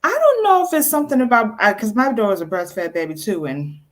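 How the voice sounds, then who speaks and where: A woman's voice: medium pitch, fairly quick. A woman hosting a casual online talk about parenting, telling stories and acting out what her daughter says. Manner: animated storytelling, acts out quotes. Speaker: host. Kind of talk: casual chat. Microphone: video call.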